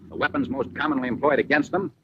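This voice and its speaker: An American man with a medium-pitched voice narrates a 1940s military training film at a quick pace, reading a script in a punchy, colloquial style laced with wartime slang. The vintage soundtrack is dull, with slight background noise.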